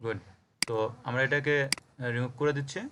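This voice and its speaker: A man's voice: mid-range voice, steady tone, fairly quick, background noise. Bangladeshi man teaching code step by step. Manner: explains step by step, spells words letter by letter, checks understanding often. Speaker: programming teacher. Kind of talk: live coding lesson on a call.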